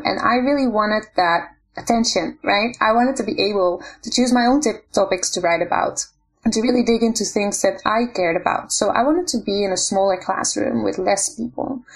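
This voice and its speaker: Woman from the Netherlands, podcast guest, casual interview chat, thoughtful and steady. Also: mid-range voice. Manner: thoughtful, steady, with soft fillers.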